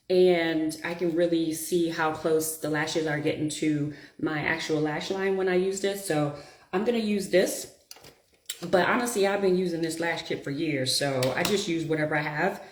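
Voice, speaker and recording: Low-voiced chatty woman in an echoey room. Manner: chatty, self-deprecating, thinks aloud while working. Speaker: beauty vlogger. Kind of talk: casual live chat while doing makeup.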